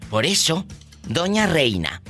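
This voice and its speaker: A man's voice: a little high, huge pitch swings, takes it slowly, bright, forceful tone, faint music behind. A man hosting a live radio talk show, giving playful, sassy, theatrical advice to listeners from a studio. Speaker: radio host.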